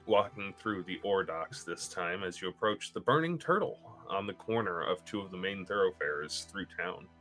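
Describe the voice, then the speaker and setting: A man's voice: low-pitched, animated, normal speed, hardly any pauses, pushed and bright, soft background music. A man narrating a tabletop game as game master, chatty with casual asides.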